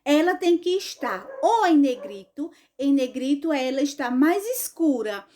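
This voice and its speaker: A Brazilian woman teaching an online class in a high, singsong voice. She talks slowly and patiently, repeating each point and calling her pupils endearing names as she checks they understand. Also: very animated, darkish tone. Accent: Brazilian Portuguese.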